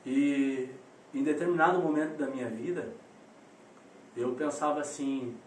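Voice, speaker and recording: A man's voice: mid-range voice, measured pace. A man, giving a live online parenting talk as a coach and telling stories animatedly straight to his audience. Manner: animated storyteller addressing the audience directly. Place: indoor room on a live video call. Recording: roomy echo, distant mic, faint noise.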